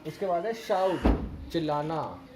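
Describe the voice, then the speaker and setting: Slow, patient Indian man teacher. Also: a little high, big pitch swings, very noisy. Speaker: primary school English teacher. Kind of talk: online lesson, reading a story slowly and explaining words.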